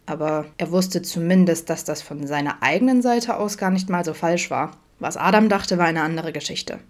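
A woman reading a fan fiction audiobook aloud in a calm, even storytelling manner. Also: fairly low pitch, moderate pace. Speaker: audiobook reader.

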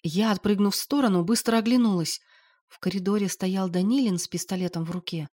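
A woman narrating an audiobook in a lively, expressive storytelling manner. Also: mid-range voice, brisk.

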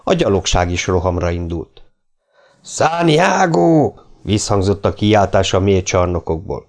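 Low-voiced male audiobook narrator. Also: fairly even intonation. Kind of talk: scripted narration.

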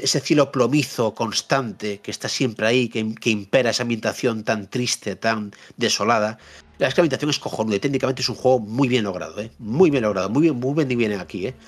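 A man hosting a podcast, giving a casual spoken review of a game and repeating points for emphasis. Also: medium pitch. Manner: repeats himself for emphasis, frequent fillers and tag questions.

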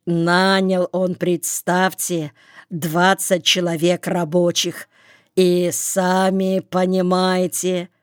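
A woman's voice: on the low side, flat delivery, takes it slowly, smooth, no echo, studio quality. A woman voicing a seasoned male tailor who tells a story to a crowd in an audiobook. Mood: confiding. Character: seasoned old male tailor telling a tale.

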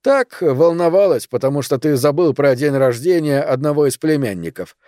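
A man's voice: fairly high pitch, expressive, moderate pace, mellow, dry recording, studio quality, lightly acted. A man voicing a blunt, cowardly male friend who scolds and swears impatiently. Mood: exasperated.

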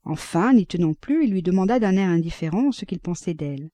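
A woman narrating a classic novel as an audiobook, reading at a measured, even pace. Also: fairly low pitch, dry recording.

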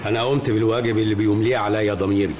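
An actor playing a curt, commanding middle-aged lawyer with an Egyptian accent. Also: male voice, fairly low pitch, fairly even intonation, racing, a little mellow, natural voice. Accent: Egyptian Arabic. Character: hard, arrogant male lawyer who is a father. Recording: echoey old radio drama with hiss.

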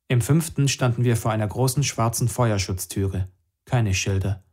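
A man's voice: mid-range voice, moderate pace. Man narrating a story steadily. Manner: steady, first-person storytelling. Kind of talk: audiobook narration.

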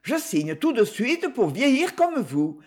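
Reader doing a brisk woman police commander. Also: lowish voice, very animated. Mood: jovial. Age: middle-aged. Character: tall blonde middle-aged woman police commander, brisk, jovial.

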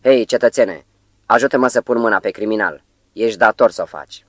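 A man reading the lines of a furious young male poet who accuses and shouts at a stranger. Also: on the low side, dry recording, lightly acted. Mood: pleading. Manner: angry, accusing.

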